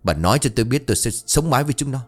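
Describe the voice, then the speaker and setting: A man voicing a hot-tempered middle-aged man who shouts and wails his complaints. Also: mid-range voice, animated, rapid-fire, pitched above the performer's own voice, natural voice. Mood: furious.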